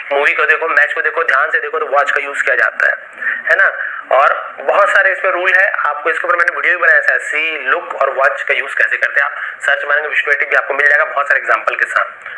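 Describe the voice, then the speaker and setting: A man with an Indian accent teaching English, reading a story slowly line by line and explaining each word in Hindi. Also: a little high, sharp tone, poor audio.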